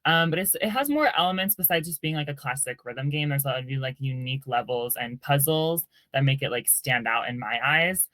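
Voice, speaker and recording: A woman's voice: rumbling low, brisk, hardly any pauses, fairly bright tone, no room sound. A woman on a game panel, gushing casually with many "like" fillers. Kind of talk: casual chat.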